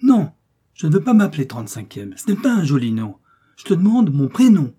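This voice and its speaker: A man voicing a cheeky, stubborn tiny girl mouse with a shrill, insistent voice in a storybook reading. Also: very animated, moderate pace, dark tone, breathy edge. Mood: shrill demanding.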